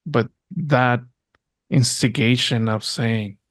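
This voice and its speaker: A man joins a casual movie chat, speaking very slowly and stopping to hunt for the right words. His voice is mid-pitched. It sounds dry and close, with no room around it. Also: fairly even intonation, dry recording. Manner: slow and searching, hunts for words.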